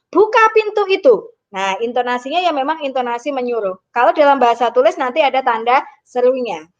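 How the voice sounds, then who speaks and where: A high-pitched woman teacher gives a patient grammar lesson. She acts out short example sentences to show intonation. The recording sounds a little dull and lo-fi. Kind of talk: online lesson.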